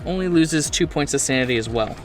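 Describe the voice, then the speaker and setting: A man with a slightly high, expressive voice runs a horror tabletop roleplaying game as game master, talking quickly. He explains rules and describes scenes off the cuff in a conversational way. The mic is distant, and music plays clearly behind him.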